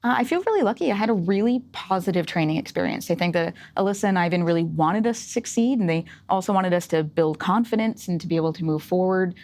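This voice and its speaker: A woman's voice: fairly low pitch, animated, quick pace, few pauses, a little mellow. A woman in her thirties from Rhode Island, with no regional accent, chatting upbeat and encouraging as a guest on a workplace interview show. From Rhode Island, USA. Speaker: guest, associate data analyst. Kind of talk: casual interview chat.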